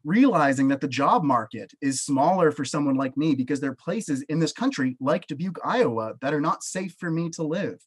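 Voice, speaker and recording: His voice is fairly high with lively intonation, slightly breathy, and he talks fairly quickly with few pauses. The speaker is a Canadian professor in his thirties, a panelist recounting his own experience on a webcam video call from a small home office, earnest and emphatic as he gestures with both hands.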